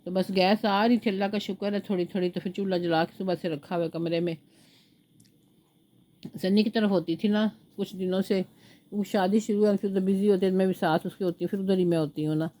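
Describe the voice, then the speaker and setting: A woman's voice: mid-range voice, fairly even intonation, a little fast, mellow. An older woman with a sore throat chats and rambles through stories at home while sitting with her grandchild. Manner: chatty, rambling storytelling, baby talk to the grandchild. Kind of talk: casual home vlog chat. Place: at home, indoors, sitting with a baby.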